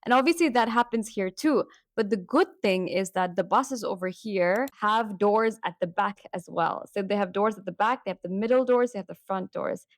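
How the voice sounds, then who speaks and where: A young woman from Hong Kong, chatty and animated, talking casually to camera in a vlog. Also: mid-range voice, moderate pace, hardly any pauses, no room sound. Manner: chatty and animated, with emphatic repeats. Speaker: vlogger.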